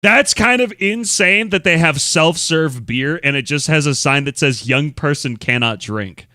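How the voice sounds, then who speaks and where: A man's voice: a little high, normal speed, sharp tone, no echo, clean studio sound. A young American man commenting casually on a live stream, rambling with lots of fillers, wry and blunt.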